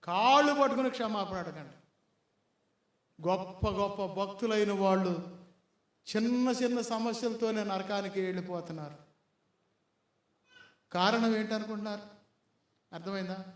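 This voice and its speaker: A man's voice: high voice, moderate pace, long pauses. A male pastor preaching a sermon in a church hall, firing rhetorical questions at the congregation.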